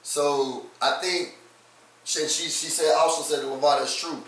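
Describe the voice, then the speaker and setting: A man co-hosting a panel talk show, halting and repeating words as he poses motivational questions. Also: a little high, fairly even intonation, fairly bright tone, a little hiss or hum. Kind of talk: casual panel discussion. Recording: echoey room from far off.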